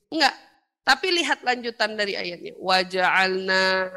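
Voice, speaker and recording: A woman preaching to women, telling stories in a lively way and acting out the people in them. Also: mid-range voice. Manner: lively storytelling, acting out mothers and children in quoted voices; sudden loud outbursts and soft hushed asides. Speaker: Islamic preacher. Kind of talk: sermon to women.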